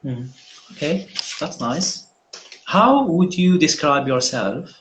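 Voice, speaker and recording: A man's voice: fairly high pitch, big pitch swings, takes it slowly, fairly bright tone, slight background noise. A man hosting a live online mock job interview over a video call, speaking in a friendly, hesitant way with frequent fillers.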